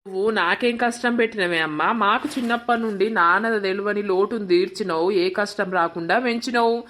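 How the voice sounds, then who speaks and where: A woman's voice: mid-range voice, quick pace, a bit bright, natural voice. A woman voicing an earnest young son in a cartoon, with a Telangana Telugu accent and a pleading way of talking. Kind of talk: animated cartoon voice acting.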